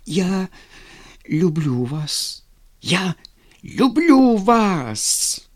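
A man's voice: high voice, sing-song, takes it slowly, a bit bright, pitched above the performer's own voice, heavily acted. A man reading a story, voicing an impulsive young cadet who stammers and pleads breathlessly. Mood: desperate pleading.

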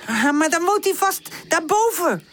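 A woman voicing an eager, bold young male puppy, calling out in an excited, squeaky voice. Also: measured pace, a little hiss or hum, exaggerated voice.

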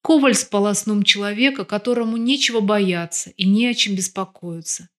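A woman narrating a novel as an audiobook in even, storytelling tones. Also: medium pitch, normal speed. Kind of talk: scripted narration.

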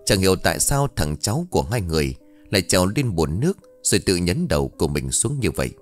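A man narrating an audio story in an expressive scripted reading. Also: sits low, fast talker, faint music behind.

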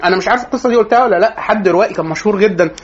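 A man's voice: high voice, very fast, highs cut off, slight background noise. A man with an Egyptian accent giving an informal psychology lecture to a class, chatty and joking, often restarting his phrases. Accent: Egyptian Arabic.

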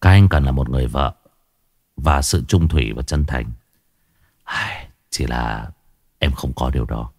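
A man voicing a cold, scheming gang boss who speaks calmly and deliberately. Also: breathy edge, exaggerated voice. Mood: coldly calm. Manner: calm, low, measured.

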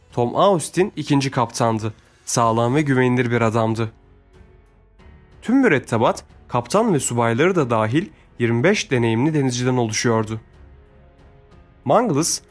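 Male narrator, mid-pitched, steady scripted audiobook reading, faint music underneath.

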